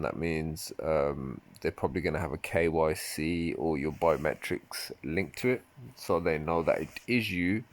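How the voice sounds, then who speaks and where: A man casually reading an AMA aloud and thinking out loud between questions. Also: sits low. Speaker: crypto video commentator.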